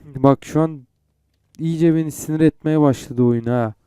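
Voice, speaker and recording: A man's voice: fairly high pitch, measured pace, dark tone, clean tone, dry recording. A young man playing a game and commenting, frustrated and swearing as he goes. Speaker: gamer. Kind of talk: gameplay commentary.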